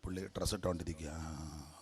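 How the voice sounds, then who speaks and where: A man preaching a sermon as a pastor, animated and mocking, sometimes breaking into song. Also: very deep voice, brisk, very noisy.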